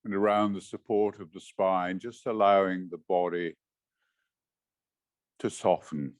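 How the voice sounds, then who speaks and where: Guiding a meditation, a low-voiced teacher keeps a steady tone and speaks very slowly and gently. His short, measured phrases leave room between instructions, captured in a dry recording with no room sound.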